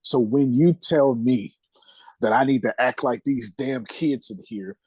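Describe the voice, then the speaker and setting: A man's voice: medium pitch, measured pace, darkish tone, husky, dry recording. A man being interviewed on a podcast, telling his life story candidly and emphatically, with speech and streetwise slang, repeating phrases for weight. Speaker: podcast guest.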